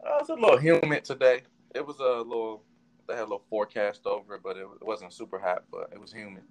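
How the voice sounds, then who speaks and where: A hip hop artist in his thirties from Washington, D.C., chats casually as a podcast guest in an interview setting. His fairly low voice comes fast, and he rambles in a relaxed way with lots of fillers.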